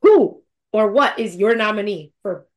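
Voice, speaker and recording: Slow-talking laughing, swearing woman host. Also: mid-range voice, lively intonation. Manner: laughing, profane, emphatic. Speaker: podcast co-host. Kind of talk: casual panel podcast chat.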